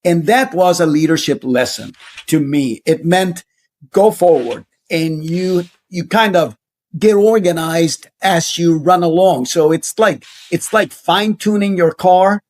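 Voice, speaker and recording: A man's voice: on the high side, unhurried, a little mellow. A man, a guest in an interview, telling stories earnestly with many hesitations and fillers. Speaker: guest, university center director. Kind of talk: conversational interview storytelling.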